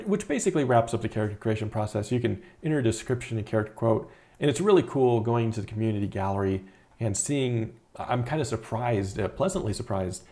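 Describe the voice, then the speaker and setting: This man in his thirties, an indie game developer, speaks in a lowish, creaky voice as he offers a relaxed, casual update on his project and thinks aloud with fillers. He is on a lapel mic in an indoor studio room with monitors.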